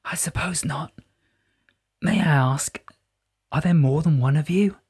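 A young woman whose voice sits noticeably higher than the narration, earnest and full of questions, as a narrator plays her. Her tone carries a slightly breathy edge. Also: moderate pace, warm tone. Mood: curious.

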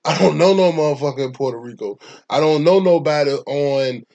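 A young man from Atlanta, Georgia, with a Southern accent talks casually at a moderate pace, his voice pitched a bit above the usual male range. It's creaky and dark-toned. His talk rambles, he swears freely, and he hammers his points home with emphasis.

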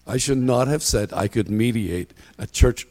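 A middle-aged man preaching in a conversational way, telling personal stories with halting, self-deprecating delivery. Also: mid-range voice, a little mellow. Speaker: pastor giving a sermon. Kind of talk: conversational sermon with personal anecdotes.

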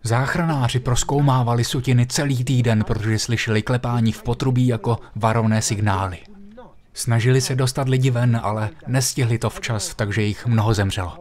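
A man at mid pitch delivers a sermon as a vivid personal story. He talks emphatically and leans into key phrases by slowing down. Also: fairly even intonation, a little mellow. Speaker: preacher.

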